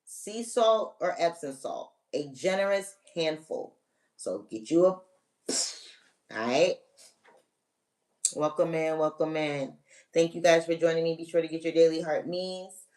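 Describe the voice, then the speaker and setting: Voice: medium pitch, measured pace, pauses often, darkish tone. A spiritual reader on a live stream, talking viewers through a ritual step by step in a casual, emphatic coaching way and checking in often. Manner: emphatic, direct commands. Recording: voice a bit distant from the mic.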